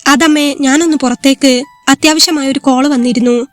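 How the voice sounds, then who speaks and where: A woman's voice: high voice, steady tone, moderate pace, no echo, natural voice. A woman voicing an aloof young man, a groom who answers curtly and evasively, in a storybook reading. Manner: curt, evasive.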